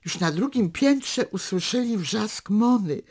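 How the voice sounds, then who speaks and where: A woman's voice: mid-range voice, expressive, slow, darkish tone, breathy edge. A woman reading a novel passage aloud with dramatic swings into the characters' thoughts, then talking it over.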